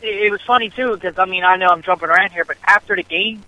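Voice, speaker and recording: A high, very bright voice belongs to a man who tells a rambling game-day story in a casual sports chat. He jumps around and restarts often. The sound is dry and close. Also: fast talker, no echo, poor audio. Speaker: podcast co-host.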